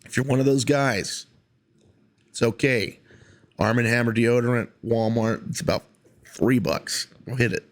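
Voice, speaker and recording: A man's voice: medium pitch, steady tone, unhurried, long pauses. A man hosting a solo podcast, talking casually in an earnest, rambling, informal way. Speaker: podcast host.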